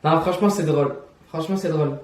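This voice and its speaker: A man's voice: on the high side, fast talker, far from the mic, slight background noise. A young man, chatting casually as he reacts to videos, laughing and repeating himself. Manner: chatty, laughs often, repeats phrases, slangy. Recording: roomy echo, voice set back from the mic.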